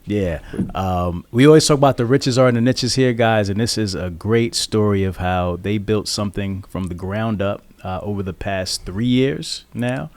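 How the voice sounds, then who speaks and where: A man hosting a casual interview show, talking to his guests in a lively, upbeat way. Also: fairly low pitch, moderate pace, hardly any pauses, no echo. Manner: upbeat, hype-style address to fans. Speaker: podcast host.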